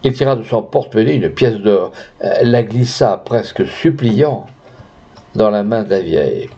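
A man narrating a literary tale in an expressive reading, in a dull lo-fi recording. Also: lowish voice, unhurried. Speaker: audiobook reader.

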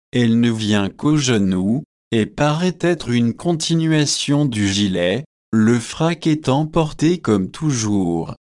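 A man's voice: mid-range voice, darkish tone, no room sound, clean studio sound. A man reading as a pompous young curate. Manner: grave, self-satisfied delivery.

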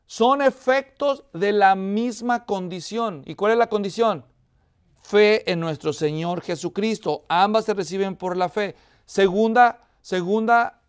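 A man's voice: high-pitched, clean tone. A man preaching an expository sermon who keeps asking the congregation whether they follow. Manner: asks the congregation frequent check-in questions; tells a joke in a lively, animated way.

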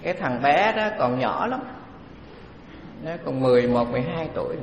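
A man giving a Buddhist dharma talk, unhurried and conversational, with many pauses. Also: medium pitch, animated, lo-fi sound, slight background noise. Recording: echoey hall, faint background ambience.

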